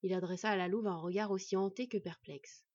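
A woman calmly narrating a fantasy audiobook. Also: mid-range voice, a little fast, dry recording, dull audio.

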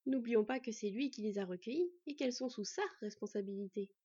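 A calm, wise she-wolf, read by a woman, measured and gently wry in a slightly high, husky voice. The storybook reading is dull and lo-fi. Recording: dull lo-fi recording.

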